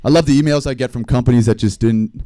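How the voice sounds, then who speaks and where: A man doing a stand-up comedy set, telling rambling stories in a deadpan way. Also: medium pitch, quick pace, no room sound. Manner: deadpan, rambling storytelling with small laughs. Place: live comedy stream venue.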